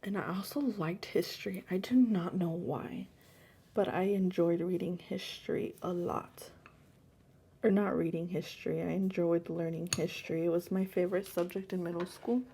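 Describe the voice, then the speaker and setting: A young woman chatting casually while decorating a planner, rambling on and sometimes dropping to a hush. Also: fairly low pitch, steady tone, moderate pace, creaky, a little hiss or hum. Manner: chatty, rambling, soft and hushed at times. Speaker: planner vlogger. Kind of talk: casual chat over plan-with-me crafting. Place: home room.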